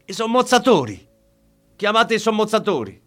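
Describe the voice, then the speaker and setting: Narrator doing a cop inspector barking orders, raised and urgent, music faint in back. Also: male voice, high-pitched, very animated, normal speed, fairly bright tone, voice pushed up. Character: urgent middle-aged male police inspector.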